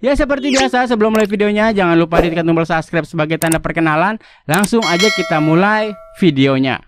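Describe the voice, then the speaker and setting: A man's voice: high voice, expressive, fast, noisy background. A man narrating a video in a chatty, upbeat way.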